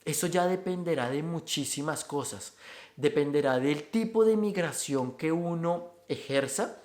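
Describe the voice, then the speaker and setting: A man's voice: on the high side, unhurried, a little mellow, reverberant. A man from Colombia with a Bogotá accent, talking reflectively in a casual opinion video about migrant life. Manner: reflective and conversational, stringing points with "entonces".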